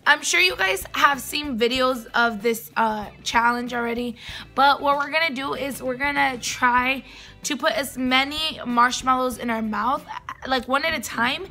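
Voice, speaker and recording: A woman's voice: high voice, unhurried, sharp tone, soft background music. A young woman vlogger chatting casually and animatedly to the camera as host. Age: young adult. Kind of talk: casual vlog chat to camera.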